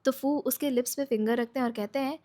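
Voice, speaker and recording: Talking fast in a warm, high voice with fairly even intonation, a woman narrates a drama recap casually. She lifts her pitch whenever she speaks the characters' dialogue.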